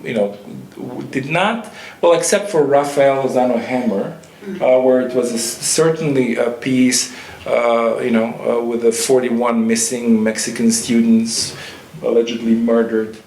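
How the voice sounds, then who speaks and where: Man, panel organizer, halting and filler-heavy, roomy echo, faint hiss. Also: medium pitch, steady tone, darkish tone. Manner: halting, many fillers and restarts. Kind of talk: panel discussion. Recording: echoey hall, faint noise.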